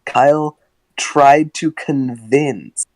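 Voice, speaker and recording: A man's voice: mid-range voice, extremely slow, darkish tone, no echo. A man co-hosting a podcast, telling stories in a casual chat. He laughs often and swears freely. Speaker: podcast co-host.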